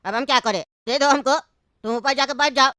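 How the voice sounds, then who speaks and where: A woman's voice: high-pitched, brisk, sharp tone, dry recording, clean studio sound. A woman voicing a fussy elderly man on a train, complaining and pleading in a cartoon comedy.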